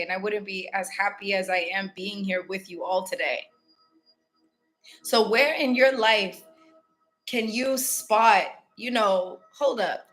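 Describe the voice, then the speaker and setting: Speaking directly to her viewers, this Ghanaian spiritual self-help host gives a casual, candid, reflective motivational talk. Her voice is medium in pitch with a fairly bright tone.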